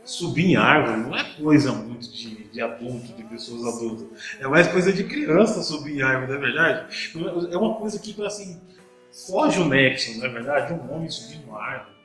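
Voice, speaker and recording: A man's voice: mid-range voice, animated, moderate pace, a bit bright, roomy sound, faint music behind, poor audio. A man preaching a sermon, asking the listeners rhetorical questions and often repeating words as he restarts a thought.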